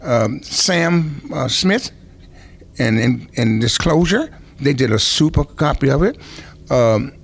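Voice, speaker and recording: An older man, a veteran musician, tells long, rambling stories in an interview, full of restarts and asides. He speaks slowly at a medium pitch with lively intonation and a creaky, breathy edge.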